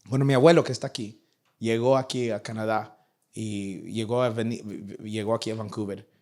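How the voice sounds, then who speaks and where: A young man preaching a sermon to his church, animated and acting out the people in his stories. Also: on the low side, normal speed. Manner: animated, acts out nagging parents in a raised voice. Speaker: pastor. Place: church in Vancouver.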